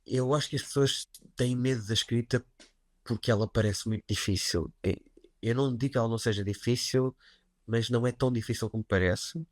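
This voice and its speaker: A man with a European Portuguese accent, a writer chatting as a guest in an interview, relaxed and self-deprecating, full of casual fillers. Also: medium pitch, a little fast, no room sound, clean studio sound. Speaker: guest writer and writing teacher.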